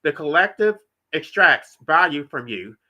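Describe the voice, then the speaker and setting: With a slightly high, sing-song voice that is unhurried yet sharp, a congested, nasal-sounding author hosts a solo livestream on his channel. He reads out his own writing, then breaks it down in plain, emphatic language.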